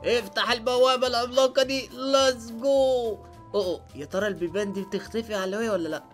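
A young man with an Egyptian Arabic accent hosting an excited let's-play commentary, dropping English exclamations as he plays. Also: very high voice, fast. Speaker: gaming channel host. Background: faint background music.

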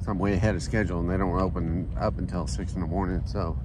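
A travel vlogger with a deep, steady voice talks fast over a noisy background. His narration is casual and rambling, full of wry, self-deprecating asides.

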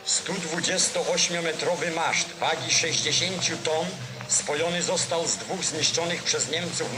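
In a solemn, declamatory, old-fashioned style, a man with a fairly high voice narrates a 1940s newsreel. His delivery is formal, and the low-quality vintage soundtrack carries music underneath.

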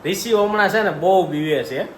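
A man, chatting casually to his viewers as he films his family's day at home. His voice sits a little high, with a faint hiss of noise behind it. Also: animated, moderate pace, echoey room. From Gujarat, India. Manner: chatty, talks to viewers as "guys". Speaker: vlogger. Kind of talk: casual family vlog chat.

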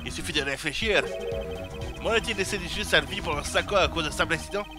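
A domineering woman studio boss, read by a man playing a video game, curt and condescending. The voice sits somewhat high. Music plays clearly underneath. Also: a little fast, natural voice. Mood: scornful.

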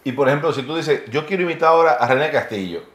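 Fast-talking interviewer. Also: male voice, on the high side, expressive, reverberant. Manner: rapid, curious questioning. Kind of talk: casual interview.

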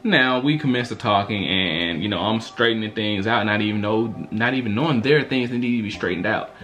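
A man's voice: fairly low pitch, a little fast, faint music behind. A man in his thirties, co-hosting a vlog, telling a story casually and acting out the dialogue. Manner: animated storyteller, acts out dialogue. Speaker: vlog co-host.

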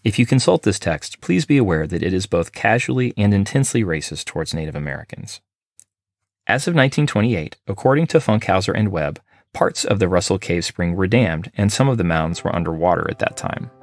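Man, very deep voice, dry close sound, steady scripted history narration. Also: dry recording. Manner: steady, measured reading. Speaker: library podcast host.

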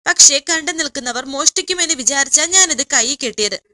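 A woman's voice: high voice, expressive, fairly quick, bright, forceful tone, heavily acted. Tearful pleading young woman, read by a woman narrator. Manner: pleading, weepy.

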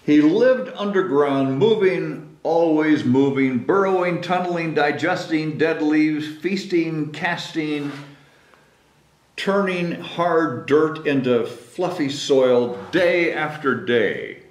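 A mayor in his sixties reads a picture book expressively at a library children's story time, speaking simply to the kids. His voice is fairly high and slow. He sits at a table in a small meeting room with a whiteboard, and the sound is roomy and echoing.

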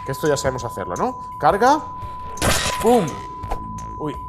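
A man doing excitable gameplay commentary, bursting into shouts and laughs between mumbled asides. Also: fairly high pitch, measured pace. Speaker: gaming video host. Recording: music playing behind.

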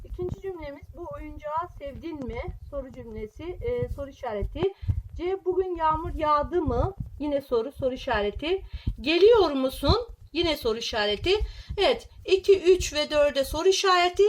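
A woman reading out test questions to young pupils and explaining each answer in a clear, patient way. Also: high voice, expressive, normal speed, a little hiss or hum.

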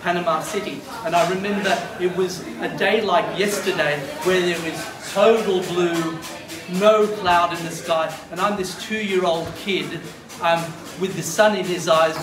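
This eulogist is a man in his fifties from Argentina whose first language is Spanish, and his high-sitting voice moves at a moderate pace over music. He rambles animatedly through a story at a memorial, both hands gesturing broadly. The glass-walled beachside room, recorded by a distant camera, sounds roomy and noisy.

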